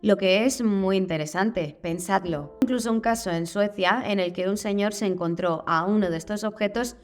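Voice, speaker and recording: A woman's voice: mid-range voice, moderate pace. A woman with a Spain Spanish accent narrating a video in a casual, curious way, dropping wry asides. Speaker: channel host.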